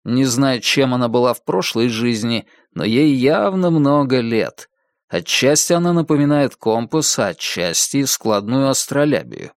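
A man reading a dark first-person story as an audiobook narrator, in a measured storytelling manner. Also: mid-range voice, no echo, studio quality.

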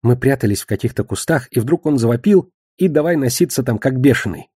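A man's voice: medium pitch, expressive, fairly quick, dark tone, slightly rough, dry recording, studio quality. A man voicing a shaken young man. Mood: confused. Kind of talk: audiobook reading.

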